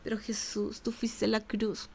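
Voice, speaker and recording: A woman's voice: medium pitch, monotone, unhurried, creaky, a little mellow, slight background noise. A woman pastor from Colombia preaching a sermon, repeating lines for emphasis and speaking straight to her listeners. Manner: preaching with emphatic repetition and direct address.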